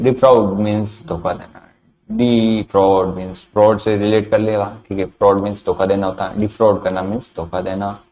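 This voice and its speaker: Low, mellow-voiced Hindi-accented teacher. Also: male voice. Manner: repetitive, asks and answers his own questions. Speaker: English vocabulary teacher. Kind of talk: classroom lecture.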